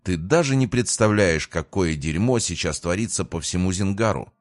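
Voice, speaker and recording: A man's voice: deep voice, lively intonation, moderate pace, no echo, studio quality. A man doing a brash foul-mouthed hacker. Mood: urgent.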